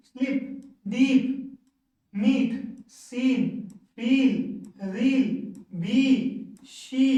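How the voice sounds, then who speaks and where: A man teaching English pronunciation in a classroom lesson, slowly repeating each word twice for learners to echo. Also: very high voice, darkish tone, lo-fi sound. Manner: says each word twice, slow drilling. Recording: very echoey room, voice from far off.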